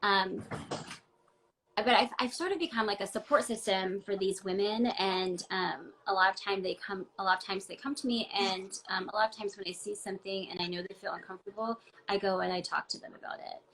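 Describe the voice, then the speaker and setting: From home in a ground floor apartment, a ballet dancer gives a casual interview over video call, candid and emphatic and full of "like" and "um." Her mid-range voice is a bit bright, fairly quick and fairly even in intonation; the audio is poor, with slight background noise.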